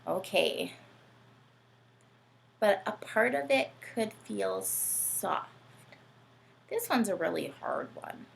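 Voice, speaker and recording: Taking it slowly and pausing often, a woman with a medium-pitched, vocal-fry voice reads to young children. Animated and sing-song, this read-aloud host chats playfully and keeps asking the kids questions.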